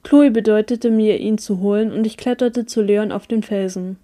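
Mellow-voiced woman reading a story. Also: mid-range voice, moderate pace. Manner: even, storytelling read. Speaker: audiobook reader. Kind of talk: first-person story narration.

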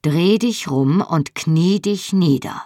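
A reader doing a stern, mocking Scottish husband. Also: male voice, fairly high pitch, slow, darkish tone, no echo, studio quality. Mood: teasing. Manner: blunt and mocking.

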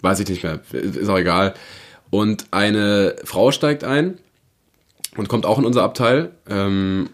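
A young podcast co-host with a fairly low voice speaks slowly, rambling casually as he tells a story packed with fillers.

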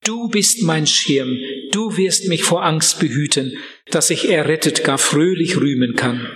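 Measured German preacher, higher voice. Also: male voice, a bit bright, long reverb tail. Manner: earnest, measured, slows for emphasis, addresses listeners directly. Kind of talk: sermon.

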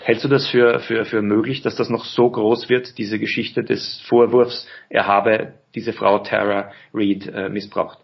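Husky male podcast host. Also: on the low side, little pitch movement. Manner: asks questions at length, measured. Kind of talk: political interview. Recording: dull lo-fi audio.

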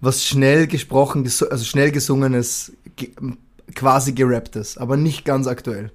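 A man's voice: mid-range voice, steady tone, normal speed. Male musician guest, casual, rambling, self-correcting. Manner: thinking aloud, many restarts. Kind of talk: casual conversation.

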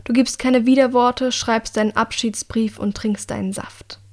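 Picture a composed young woman who threatens without ever raising her voice, as a female narrator voices her. Her words stay quiet, measured and icily polite, as in a dark audiobook. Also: on the high side, steady tone. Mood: quietly menacing. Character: calm, coldly menacing young woman assassin.

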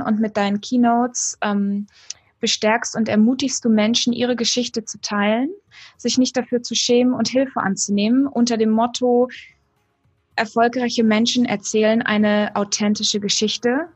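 A woman's voice: on the high side, breathy edge, no room sound. A woman hosting a podcast interview, effusive and gushing with compliments for her guest. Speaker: podcast host.

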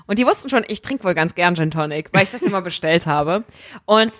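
A woman's voice: lowish voice, expressive, fairly bright tone. Woman cohosting a podcast, emphatic and opinionated, chatty. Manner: emphatic and opinionated, quick asides. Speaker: podcast co-host. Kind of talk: casual chat.

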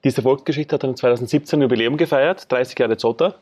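A man's voice: mid-range voice, a little mellow. A man interviewing a guest, asking questions and murmuring agreement. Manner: quick, attentive, frequent backchannel hums.

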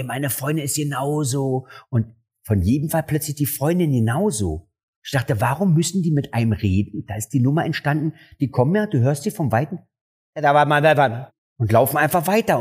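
Male stand-up, husky, animated storyteller in a chat. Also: brisk. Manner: animated, acts out dialogue with jumps in pitch. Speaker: stand-up comedian. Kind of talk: casual interview storytelling.

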